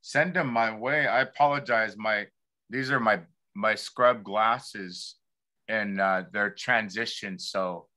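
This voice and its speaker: A man hosts an informal community talk show at a slow pace, with a bright, forceful voice. His delivery is halting, and he often repeats a word while he finds the next. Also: fairly low pitch. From Lummi community, Pacific Northwest United States. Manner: halting, repeats words as he searches for them.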